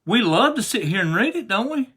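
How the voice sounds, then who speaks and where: A man's voice: sits high, sing-song, brisk, a bit bright, slightly rough. A man who has preached for many years, giving a rambling, earnest devotional talk with lots of restarts and reading scripture aloud. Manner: earnest and emotional. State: recovering after hospital stay.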